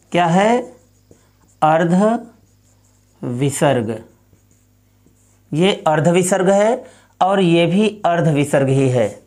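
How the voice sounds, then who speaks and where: A woman teaching a recorded Sanskrit lesson, reciting each rule several times in a slow, measured chant before explaining it. She asks the class questions and answers them herself. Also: lowish voice, a little mellow.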